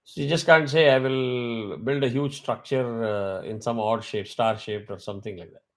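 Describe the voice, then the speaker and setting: A man's voice: mid-range voice, steady tone, normal speed. A man teaching a weekly Vedic class over a video call. He explains step by step and asks his students questions.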